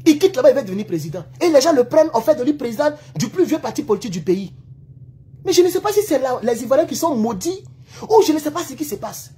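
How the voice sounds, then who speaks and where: A man's voice: very high voice, very animated, fast, dark tone, a little hiss or hum. A man from the Ivory Coast with an Ivorian French accent, delivering a heated political rant as a YouTube commentator in an impassioned, accusatory way, repeating himself for emphasis.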